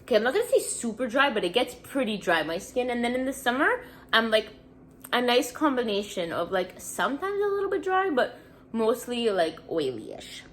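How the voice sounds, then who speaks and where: A bright, high-leaning female voice swings widely in pitch at normal speed, with a little hiss or hum behind it. The speaker is a roughly thirty-year-old beauty vlogger from Montreal, Canada, congested and sniffling as she rambles casually, filler-heavy, through a get-ready-with-me makeup session.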